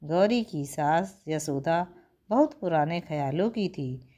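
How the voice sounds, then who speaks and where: A woman narrating a children's story, talking gently and directly to the kids. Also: sits low, animated, takes it slowly.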